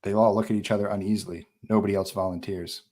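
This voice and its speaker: Reading stage directions as narration at a script table read, a low-voiced man sets each scene in terse, short phrases. His tone is darkish, his intonation fairly even, and his pace quick.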